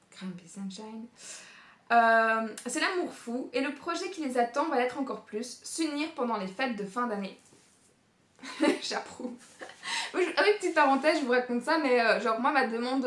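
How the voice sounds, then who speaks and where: A young woman with a fairly high, slightly bright voice chats casually about new books she intends to read, like a book YouTuber. She's talkative, uses plenty of fillers, and laughs often. The recording has an echoey room sound.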